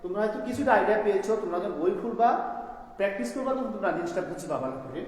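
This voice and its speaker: A school teacher with a high-sitting, expressive voice rattles through a grammar lesson rapid-fire, explaining each step and quizzing his students as he goes. The sound is echoey with long reverb.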